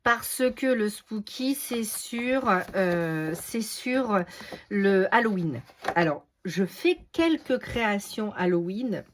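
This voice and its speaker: A middle-aged woman talks slowly and casually, showing her craft books. She hesitates often and fills pauses with fillers. A faint hiss sits under her voice. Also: medium pitch, expressive. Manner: chatty, hesitant, many fillers. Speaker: craft vlogger. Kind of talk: casual unboxing chat.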